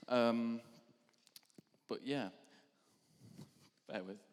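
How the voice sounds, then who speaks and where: A young man works through a stand-up routine into a stage microphone, rambling and self-deprecating, pausing on ums. His voice is of middling pitch. It carries the long reverb of a large hall. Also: clear, resonant tone. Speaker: comedian between acts.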